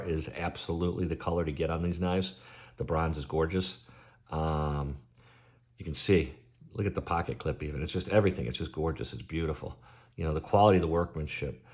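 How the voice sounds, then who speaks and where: A deep-voiced man talks through his knives one at a time in a relaxed, chatty way, pausing often on ums. He sounds like a collector pitching items to his viewers in a casual vlog. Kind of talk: casual show-and-tell sales vlog.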